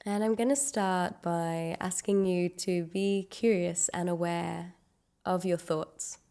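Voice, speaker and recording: In a smooth, lowish voice, a woman leads a guided meditation. She keeps a steady tone, offering soft, leisurely instructions with long silences between them.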